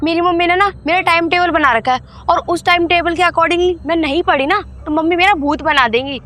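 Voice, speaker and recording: A woman's voice: very high-pitched, a little fast, sharp tone, a little hiss or hum. A woman playing a friendly classmate who explains a lesson in a casual way in an amateur horror drama. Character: friendly schoolgirl friend, a bit reluctant.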